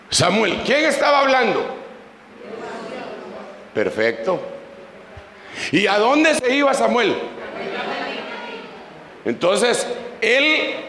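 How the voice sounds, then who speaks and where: Man preaching in a church, high animated voice, bright tone, echoing hall, faint room noise. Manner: preaching, leading the congregation in prayer. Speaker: pastor. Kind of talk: sermon.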